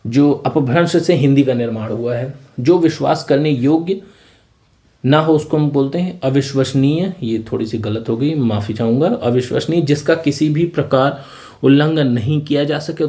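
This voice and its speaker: A male tutor runs through vocabulary for competitive exams. He speaks in a mellow, relaxed voice at an ordinary pitch. He explains patiently and often ends a point with a checking question. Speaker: teacher. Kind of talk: exam-prep vocabulary lesson.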